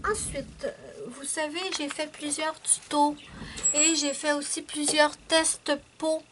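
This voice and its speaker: A woman with a Québécois accent, chatting casually and rambling warmly to her viewers as she shows her finished coloring pages. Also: sits high, slow. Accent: Quebec French. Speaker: adult coloring channel host. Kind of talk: casual show-and-tell chat. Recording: clear steady background noise.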